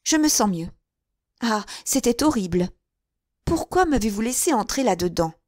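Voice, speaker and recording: Headstrong young woman voiced by a female reader, lifted pitch, breezy, eager, dry close sound. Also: animated, normal speed, a little mellow, no echo. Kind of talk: audiobook dialogue.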